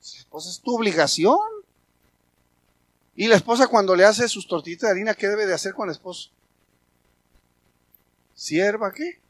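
High-voiced male pastor preaching. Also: brisk, pauses often, dry recording, rough recording. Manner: preaching with sudden loud emphatic bursts. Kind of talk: sermon.

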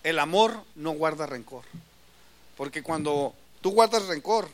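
A male pastor preaching a sermon, swinging from loud emphatic lines to soft asides. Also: a little high, lively intonation, measured pace.

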